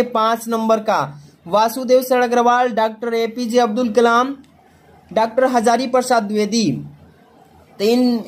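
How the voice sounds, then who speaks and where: A man with a Hindi accent from Uttar Pradesh, a teacher explaining an exam paper to students, often asking a question and answering it himself. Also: very high-pitched. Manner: rhetorical self-answering questions; slow sing-song recitation of verse.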